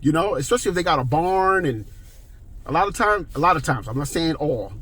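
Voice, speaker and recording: A man's voice: a little high, expressive, fairly quick, a bit bright, slightly rough. A man in his forties, talking to the camera in a casual, emphatic monologue and often checking in with "okay?". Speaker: vlogger.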